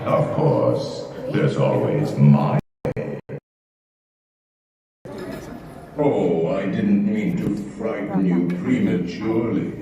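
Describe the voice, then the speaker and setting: An actor playing a theatrical, villainous ghost host who narrates a haunted mansion attraction with slow menace and ominous formal courtesy. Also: male voice, deep voice, expressive, vocal fry, a crowd in the background, exaggerated voice. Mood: sly menace. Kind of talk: scripted theme park attraction narration. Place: played over speakers in an indoor attraction room. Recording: echoing hall, distant speakers, some noise.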